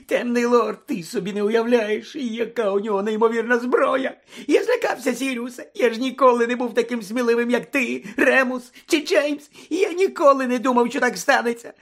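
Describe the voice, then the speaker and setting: A man's voice: very high voice, fairly bright tone, pitched above the performer's own voice. A man reading an audiobook, voicing a cowering male traitor wizard who whines and pleads through tears. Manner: whining, pleading, tearful.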